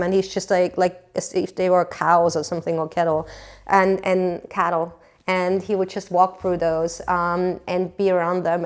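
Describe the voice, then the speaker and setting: A woman from Austria, an artist, speaking reflectively about her work with many pauses, fillers and restarts. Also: on the low side, clean tone. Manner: soft-spoken, halting, many fillers and restarts. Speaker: painter. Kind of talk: reflective interview monologue.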